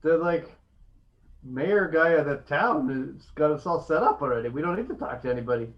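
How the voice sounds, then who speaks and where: Male player, teasing, a bit high, dull recording. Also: animated, fairly quick. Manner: teasing, jokey. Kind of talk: joking tabletop banter.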